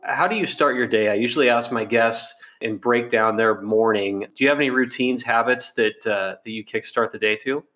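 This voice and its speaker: Podcast host man, mid-pitched. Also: normal speed, hardly any pauses, a bit bright. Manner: friendly, steers with questions. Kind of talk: interview podcast.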